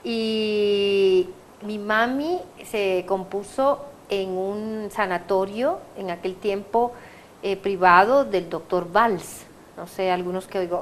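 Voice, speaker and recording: A woman with a Guatemalan accent speaks as an excitable guest, laughing often and stumbling over her own words. Her voice sits at an ordinary middle pitch. A faint hiss of noise lies under the recording. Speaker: guest giving a testimony. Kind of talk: casual interview chat.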